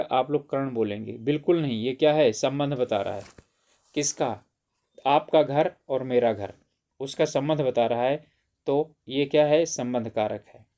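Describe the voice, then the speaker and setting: A man teaches an exam-prep grammar lesson, constantly posing questions and answering them himself while frequently saying "theek hai". His voice is fairly high-pitched with a dark tone.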